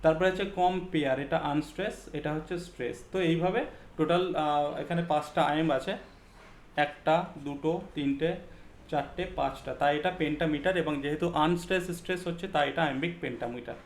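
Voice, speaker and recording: A man's voice: a little high, normal speed, slight background noise. Man teaching a poetry lesson, echoey. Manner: explains step by step, checks understanding with questions; mixes English terms into speech, frequent fillers. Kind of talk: exam-focused literature lesson. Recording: echoey room.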